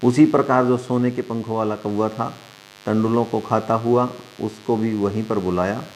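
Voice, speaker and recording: A man's voice: on the low side, fairly even intonation, normal speed, darkish tone. Man translating Sanskrit lines for pupils. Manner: reads a line then translates it phrase by phrase; addresses students as dear children. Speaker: Sanskrit teacher. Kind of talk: online class, reading and translating a lesson.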